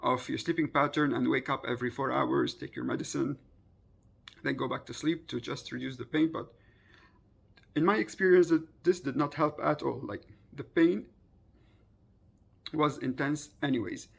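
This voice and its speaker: A man around thirty tells a personal story in casual vlog style. His voice is husky and heavily fried at the edges. He speaks hesitantly, repeating phrases and circling back to clarify what he means. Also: mid-range voice, normal speed, pauses often. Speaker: vlogger recounting a personal experience.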